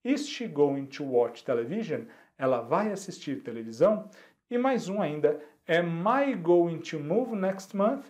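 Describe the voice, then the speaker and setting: A Brazilian man teaching an online English lesson, repeating each example slowly and checking in with his students often. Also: fairly high pitch, expressive, darkish tone. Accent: Brazilian Portuguese.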